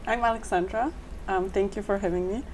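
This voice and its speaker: A woman's voice: medium pitch, steady tone, a little fast, slight background noise. A woman from Poland, a medical student, answering panel questions hesitantly with frequent fillers.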